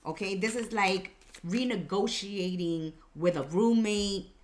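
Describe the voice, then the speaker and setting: A woman delivers a mystical horoscope reading in an unhurried, conversational way. She is emphatic and circles back over her phrases for effect. Some background noise sits faintly behind her medium-pitched voice. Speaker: tarot and horoscope reader, host.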